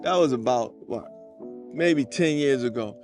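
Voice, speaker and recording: A man's voice: mid-range voice, unhurried, a little mellow, faint music behind. A man co-hosting a podcast, talking in an emphatic, preachy way with a sing-song lilt. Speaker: podcast co-host. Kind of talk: casual conversational discussion.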